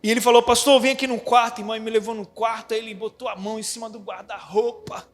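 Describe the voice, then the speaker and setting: A man preaching as a pastor, telling his testimony in an animated storytelling way and calling out to his brothers and sisters. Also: high-pitched, fast. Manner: animated storytelling preacher, often addressing "irmãos". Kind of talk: sermon testimony. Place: church hall. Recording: reverberant church hall.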